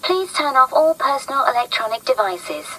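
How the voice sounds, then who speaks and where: Bright-voiced woman cabin announcer. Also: high voice, lively intonation, moderate pace, husky, poor audio. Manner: polite, formal delivery. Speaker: flight attendant announcer.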